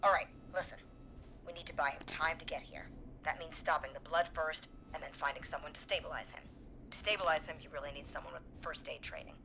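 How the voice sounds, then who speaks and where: An actress voicing an overworked hospital nurse who gives hurried, hushed first aid instructions. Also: female voice, sits low, steady tone, a little hiss or hum. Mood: instructive. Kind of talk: video game voice acting.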